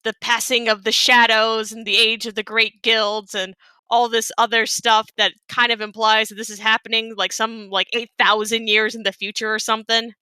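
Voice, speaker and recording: A woman's voice: fairly high pitch, bright, forceful tone, smooth, no room sound. A woman giving casual, chatty live commentary on her own game run, with playful asides.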